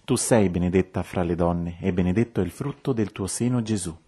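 Calmly and devoutly, a man prays the rosary in even, measured turns. His voice is very low and slightly rough.

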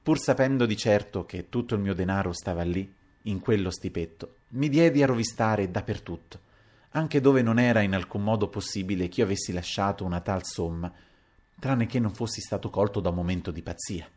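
Low-voiced male audiobook narrator. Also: brisk. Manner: expressive, moving between hushed narration and raised acted dialogue. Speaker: audiobook reader.

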